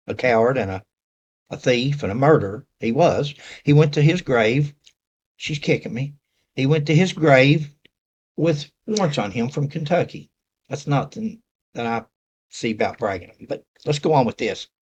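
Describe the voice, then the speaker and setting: Male host, Appalachian accent, folksy rambling delivery, medium pitch, casual chat to an online audience. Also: breathy edge, dull audio. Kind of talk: casual talk to viewers, reading messages aloud.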